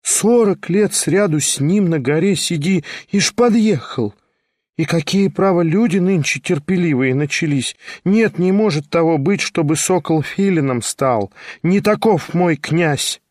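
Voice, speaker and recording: A high, mocking voice of a half-mad woman, put on by a male audiobook reader, taunting in a singsong lilt. The sound is close and dry, with no room around it. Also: animated, a little slow, darkish tone, no room sound. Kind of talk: audiobook reading.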